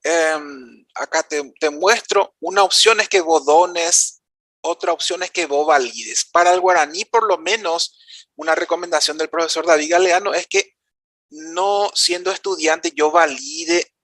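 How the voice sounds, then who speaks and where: A man's voice: a little high, unhurried, a bit bright, no echo. A man with a Paraguayan Spanish accent giving a conference presentation, explaining things step by step in an informal way that speaks straight to the audience. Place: conference room.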